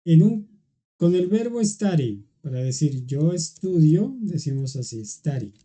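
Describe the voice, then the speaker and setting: A patient teacher explaining grammar in an online class, speaking slowly and unhurriedly. The voice is very dark and mellow. They go step by step and keep checking in with the class. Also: mid-range voice, expressive. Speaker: English teacher.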